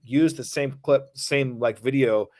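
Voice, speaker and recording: A man chatting as a guest on a podcast in a friendly, easygoing way. His voice is mid-pitched and ordinary. It is recorded close and dry. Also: a little slow, darkish tone, no echo. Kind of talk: casual podcast interview.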